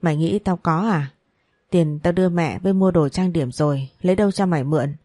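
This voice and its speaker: A brash young woman brushes off her friend bluntly and impatiently, as a woman storyteller voices her. The voice sits low and mellow. It is recorded dry. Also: a little fast, no room sound, natural voice.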